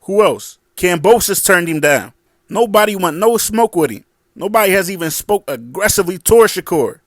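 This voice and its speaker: A man's voice: high voice, expressive, normal speed, no echo, studio quality. Blunt, slangy man talking boxing. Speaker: boxing commentator. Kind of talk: casual online commentary.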